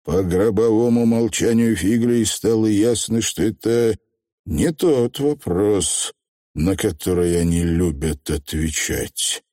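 A man narrating a storybook in a lively, expressive way. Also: lowish voice, slow, no echo, studio quality. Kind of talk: audiobook narration.

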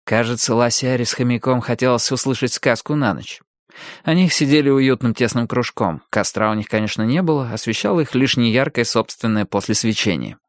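A man reading a novel aloud as an audiobook, with an expressive delivery. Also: medium pitch, fairly quick, no echo, clean studio sound. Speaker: audiobook narrator. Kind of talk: scripted audiobook narration.

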